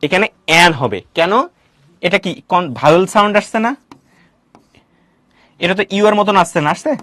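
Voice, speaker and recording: A male teacher giving a classroom grammar lecture, quizzing students with quick questions and answering them himself. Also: sits high, sharp tone, dry recording.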